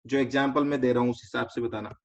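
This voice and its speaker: A steady, medium-pitched Indian man teaches finance in an online class. His lesson unfolds step by step with quick questions to check that students follow, and English terms are mixed into his explanations. The sound is a little dull and lo-fi.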